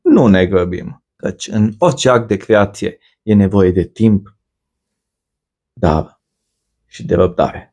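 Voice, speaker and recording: A man giving a measured, ornate, scripted voice-over for a cooking video. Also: fairly low pitch, darkish tone. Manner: measured, ornate storytelling delivery. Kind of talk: scripted poetic voice-over narration.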